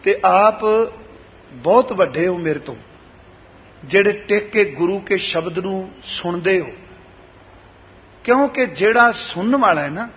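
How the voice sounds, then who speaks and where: High-voiced man preaching in a reverberant hall. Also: a little hiss or hum. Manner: slow chanting of scripture lines; addresses the congregation warmly as beloved ones. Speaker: Sikh preacher giving katha. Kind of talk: devotional sermon with recited verses. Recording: dull sound with long hall reverb.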